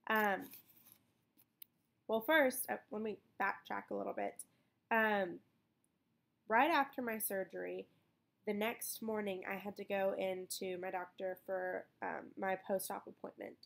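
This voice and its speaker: A woman's voice: mid-range voice, steady tone, measured pace, vocal fry, pauses often, a bit bright. A young adult woman talking in a casual, rambling vlog style, informal and full of "like" asides. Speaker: vlogger recovering from surgery.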